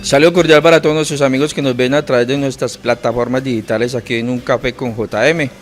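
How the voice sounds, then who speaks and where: A man's voice: mid-range voice, fairly even intonation, fast, over music. A man hosting a podcast, greeting viewers and asking his guest questions in a friendly, casual way. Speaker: podcast host. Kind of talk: casual interview.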